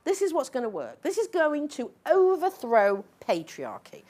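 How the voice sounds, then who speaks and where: A middle-aged woman lecturing to an audience, her fairly high voice rising and falling sharply as she argues. She is sarcastic and combative and keeps checking in with "okay?" and "right?". She sounds like a seasoned speaker driving her case home. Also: huge pitch swings, normal speed, a little mellow. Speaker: sociology professor giving a lecture. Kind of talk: impassioned public talk.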